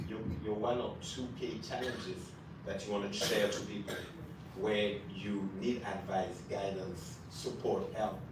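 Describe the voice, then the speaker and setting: A man moderating a panel, putting long, hesitant questions to a guest. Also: lowish voice. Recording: echoey room, distant mic, noisy ambience.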